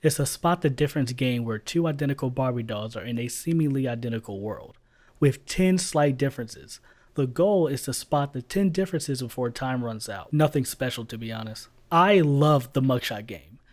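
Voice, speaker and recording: A YouTube reviewer provides casual voice-over commentary at a normal pace in a medium-pitched voice. He's blunt and sarcastic and swears freely.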